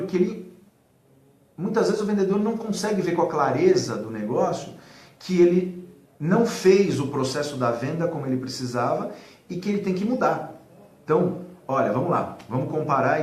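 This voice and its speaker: Animated man giving sales advice, echoey room. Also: on the high side. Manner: animated, acts out dialogues, many fillers. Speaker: sales consultant guest. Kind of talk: casual advice talk. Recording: echoey room, faint background noise.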